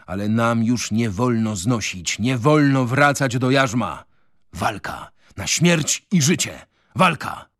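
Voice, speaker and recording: A man's voice: medium pitch, animated, slow, fairly bright tone, no echo, clean studio sound. A man reading a novel on radio, voicing a fiery, defiant young male revolutionary. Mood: fervent. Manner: fervent, declamatory.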